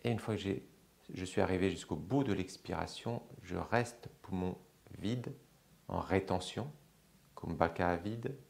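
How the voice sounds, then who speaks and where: A man teaching yoga, calmly guiding a slow breathing exercise with long pauses. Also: low voice, gravelly. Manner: slow, calm, measured guidance with long pauses. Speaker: yoga instructor.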